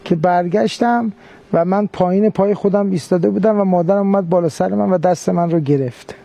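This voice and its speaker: A man recounting a near-death experience in an interview, hesitant and pausing often. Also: high-pitched, fairly even intonation, creaky, dark tone, no echo. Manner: hesitant, with frequent pauses. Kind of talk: recounting a personal story.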